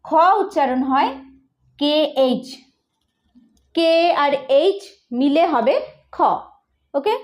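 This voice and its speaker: A woman with a Bengali accent who teaches English pronunciation in an online lesson. She explains slowly and repeats each sound. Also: sits high, expressive, darkish tone. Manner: slow, repetitive explaining.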